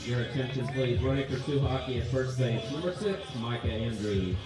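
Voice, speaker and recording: Man on a booming, echoey ballpark loudspeaker. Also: over music. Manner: measured and drawn out. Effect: heard over the ballpark loudspeakers. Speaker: stadium public address announcer. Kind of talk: formal announcing of players. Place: outdoor ballpark. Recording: echoey loudspeaker sound from far off.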